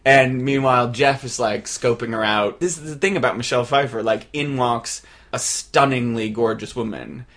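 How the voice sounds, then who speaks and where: A man co-hosting a casual film-review podcast, chatty and animated, rambling with lots of fillers. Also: mid-range voice, moderate pace. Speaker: podcast co-host.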